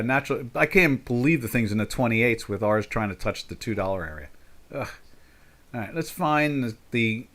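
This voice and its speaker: Hosting a live trading chat, a South Jersey man in his sixties from the Pinelands thinks out loud, chatty and rambling, heavy on fillers and accent. He's a market trader and streamer whose medium-pitched voice has a fairly bright tone.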